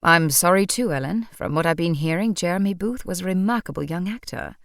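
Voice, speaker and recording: A woman reading a suave, deadpan male vampire. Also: on the low side, fairly quick, gravelly, dry recording. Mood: calm dry. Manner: deadpan, dry irony. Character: suave male vampire, calm, dryly ironic.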